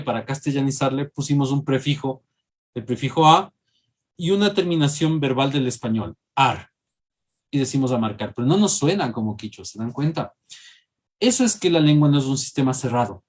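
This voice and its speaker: A husky-voiced man. He lectures a classroom in an engaging way, often tagging his points with a quick question to the students. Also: mid-range voice, a little mellow. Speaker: teacher.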